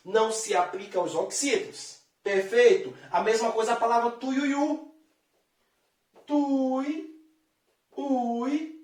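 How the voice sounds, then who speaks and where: A male teacher gives a grammar lesson. He talks to the viewer directly in a lively, chatty way and stretches out his example words. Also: high-pitched. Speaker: Portuguese teacher. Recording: echoey room, distant mic.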